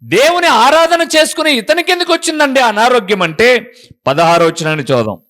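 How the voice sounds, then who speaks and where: Male pastor; emphatic sermon full of rhetorical questions, very animated delivery. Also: extremely high pitch, brisk. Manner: emphatic preaching, asking the congregation rhetorical questions.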